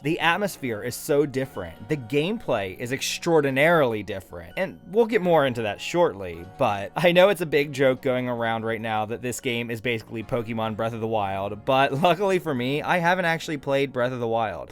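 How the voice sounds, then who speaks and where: A man with a campy drag queen delivery, narrating a video game review in a scripted but casual way. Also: medium pitch. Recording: background music under the voice.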